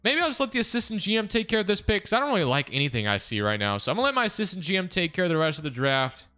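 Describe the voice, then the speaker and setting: A young man talks casually over gameplay, thinking out loud and often correcting himself mid-sentence. His voice is bright and clean, with a smooth, crisp tone. Soft music plays faintly underneath. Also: high voice, very animated, rapid-fire. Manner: chatty, thinking aloud, self-correcting. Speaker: gaming video creator.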